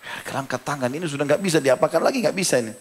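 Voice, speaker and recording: A man's voice: fairly high pitch, racing. A male preacher from Indonesia giving a sermon, telling a story dramatically and then explaining scripture to his listeners. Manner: dramatic storyteller, voice rising and dropping with the tale. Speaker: Islamic preacher.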